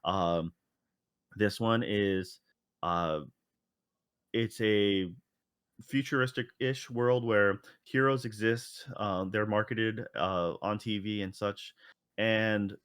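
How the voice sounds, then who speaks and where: A man co-hosting a podcast rambles casually, full of fillers and restarts, taking it slowly in a lowish, steady voice. His tone is fairly bright, clear and resonant, captured in studio quality with no room sound.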